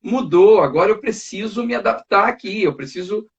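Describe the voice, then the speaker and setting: A man's voice: high voice, expressive, creaky, dull audio. A male pastor chatting in a church talk, hesitating and repeating words while he builds his point, sometimes mimicking family members arguing. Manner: halting, repeats words, acts out family arguments.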